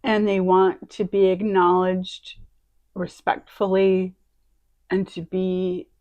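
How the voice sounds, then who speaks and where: A woman's voice: fairly low pitch, monotone, slow, darkish tone, no room sound, highs cut off. A woman co-hosting a casual conversation, thinking aloud in short, reflective phrases. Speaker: co-host.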